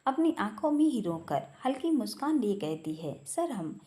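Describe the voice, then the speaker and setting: A woman narrating a family love story in an expressive, dramatic reading style. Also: fairly high pitch, normal speed.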